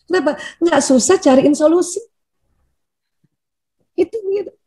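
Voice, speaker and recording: A woman doctor giving a lively seminar talk to an audience, telling anecdotes and acting out bits of dialogue. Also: very high voice, unhurried. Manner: animated, anecdotal, acts out quoted dialogue.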